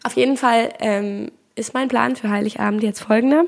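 A woman in her twenties chatting casually as a podcast co-host, self-ironic, with a hoarse, raspy smoker's voice. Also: a little high, steady tone, moderate pace. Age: 20s.

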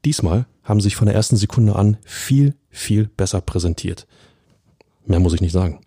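A man's voice: on the low side, expressive, normal speed, dark tone, husky, dry recording, studio quality. A man chatting casually about football as a pundit on a podcast, emphatic and colloquial, speaking straight to his listeners. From Berlin.

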